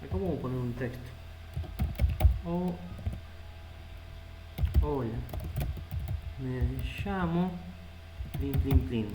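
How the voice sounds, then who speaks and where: A programming instructor with a Rioplatense Spanish accent gives a live coding lesson, thinking aloud as he types. His medium-pitched voice moves slowly, with frequent pauses. The room is echoey and has loud background noise.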